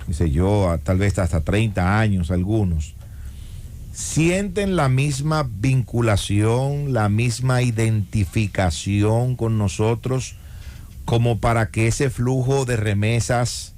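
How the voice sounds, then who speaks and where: A male radio host with a fairly low voice. He asks his questions formally and takes his time over them. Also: slow, a little mellow. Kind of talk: radio interview.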